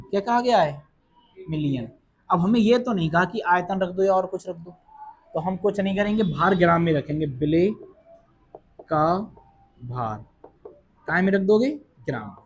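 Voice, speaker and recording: A man's voice: sits high, a little mellow, husky. A male chemistry teacher with a Hindi accent lecturing a class. He keeps asking questions and answering them himself, and reassures students that it is not hard.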